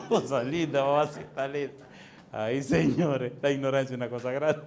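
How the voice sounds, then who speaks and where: A man's voice: medium pitch, fairly even intonation, a little fast, a little mellow, slight background noise. A Dominican pastor preaching a sermon, telling a folksy story and chuckling at his own anecdotes.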